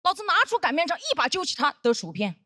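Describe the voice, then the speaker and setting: A woman in her thirties performing a stand-up comedy set on stage, telling stories with animated acted-out voices. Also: high voice, fast, background noise. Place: comedy stage with live audience.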